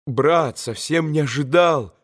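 Male narrator's earnest younger brother, warm-hearted and heated. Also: on the high side, slow. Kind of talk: audiobook character reading.

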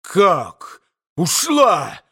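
A man reading an audiobook voices a desperate young man who fires urgent questions and shouts accusations. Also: high voice, wildly swooping pitch, drawn-out words, vocal fry, breathy edge, full character voice.

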